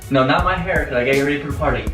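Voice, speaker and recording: A man chatting casually as a vlogger, with an excitable, exclamatory way of talking. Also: fairly high pitch, very fast. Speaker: challenge participant and vlogger. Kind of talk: casual vlog chat. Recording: echoey room, distant mic, faint music.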